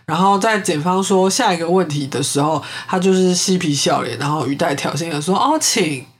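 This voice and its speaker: A man's voice: a little high, brisk, slightly rough. A man, hosting a podcast and telling a true-crime story in a casual, chatty way. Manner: recounts a case, with filler-heavy chat. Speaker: podcast host.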